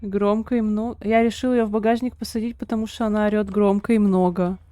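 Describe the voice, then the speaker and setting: A woman's voice: medium pitch, fairly even intonation, fast, warm tone, clear, resonant tone, dry recording. A woman live-streaming a game, chatting casually and informally as she plays and reacts. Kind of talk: casual live-stream chat while gaming.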